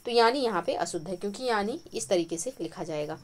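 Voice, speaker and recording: Steady woman explaining test answers. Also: medium pitch, brisk. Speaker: Hindi exam-prep teacher. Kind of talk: spoken quiz lesson. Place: home at night, street noise outside.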